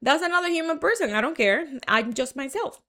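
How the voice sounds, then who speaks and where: A young marketing entrepreneur from the Dominican Republic tells her story in a voice that sits high, expressive, fairly quick and a bit bright. With her Dominican Spanish accent, she's frank and chatty, her monologue full of fillers and restarts.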